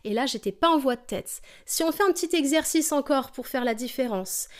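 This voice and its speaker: A woman teaching a singing lesson, explaining vocal technique calmly and demonstrating exercises. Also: sits high, a little fast.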